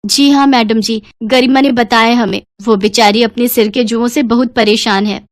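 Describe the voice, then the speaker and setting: A woman's voice: on the high side, fairly even intonation, normal speed, dry recording, clean studio sound, close to an everyday voice. A woman voicing a humble, worried village mother in a cartoon, speaking simply and respectfully.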